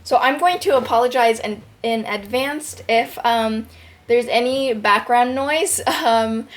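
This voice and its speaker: A young woman with a fairly high voice hosts a casual review in an excited, gushing way. She records in a bedroom using headphones as the mic, with clear noise in the background. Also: a little slow. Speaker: host of a slime review show. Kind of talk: casual product review to camera. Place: bedroom at home. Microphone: headphones used as microphone.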